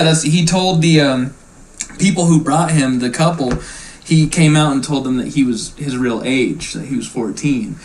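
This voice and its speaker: A man's voice: on the high side, a little hiss or hum, poor audio. A man hosting a casual podcast, telling a long story loosely and profanely. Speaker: podcast host. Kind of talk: casual stoner chat, storytelling.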